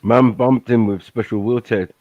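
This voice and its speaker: A man's voice: medium pitch, steady tone, normal speed, a little mellow, lo-fi sound, slight background noise. A man making casual, slangy interjections in a group chat.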